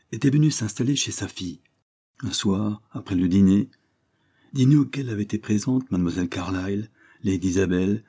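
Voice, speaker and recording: A man narrating a novel in a measured, expressive reading. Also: on the low side, breathy edge. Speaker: audiobook narrator. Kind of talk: scripted narration.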